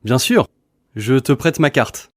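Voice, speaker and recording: A man's voice: mid-range voice, expressive, takes it slowly, no echo, clean studio sound. Plain man reading answer options. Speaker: voice actor in exam dialogue.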